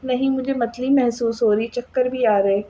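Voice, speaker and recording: Woman reading a frail young wife, faint and quiet, soft high tone. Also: fairly even intonation, normal speed, dull audio, slight background noise, natural voice. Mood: weak.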